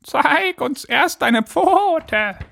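Storybook goat kids, small and wary, shrill and lively. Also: male voice, drawn-out words, vocal fry, heavily acted. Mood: defiant. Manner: high squeaky falsetto. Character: seven frightened little goat kids.

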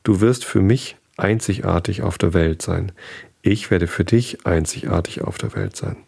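A man voicing a wise, patient male fox in a storybook reading, calm and earnest. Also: sits low, moderate pace, vocal fry, husky, exaggerated voice.

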